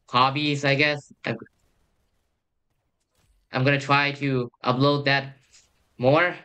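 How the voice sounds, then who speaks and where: A young Thai YouTuber yaps casually over a game in a bright, mid-pitched voice. He sounds rambling and kinda hesitant, trailing off with "I guess."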